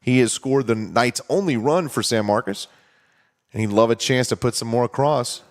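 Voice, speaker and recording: Steady conversational baseball play-by-play man. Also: normal speed. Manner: steady, conversational, explains strategy between pitches. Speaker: play-by-play announcer. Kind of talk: baseball commentary.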